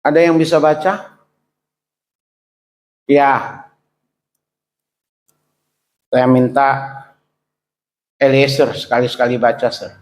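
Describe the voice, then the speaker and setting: A middle-aged man preaching a sermon, addressing the congregation directly with rhetorical questions and swinging between high pleading exclamations and low quiet asides. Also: takes it slowly, long pauses, rough recording. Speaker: pastor.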